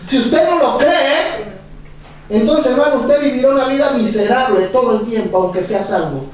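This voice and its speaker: A male pastor preaching a sermon, animated and repetitive, chuckling as he speaks. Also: extremely high pitch, normal speed, a little hiss or hum. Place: church hall. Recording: echoey church from far off.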